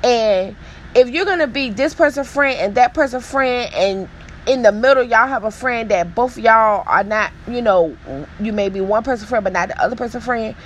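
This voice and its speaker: A woman's voice: fairly high pitch, moderate pace, a little hiss or hum, low-quality recording. A woman hosting a casual gossip show, chatty, sassy and emphatic. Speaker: host.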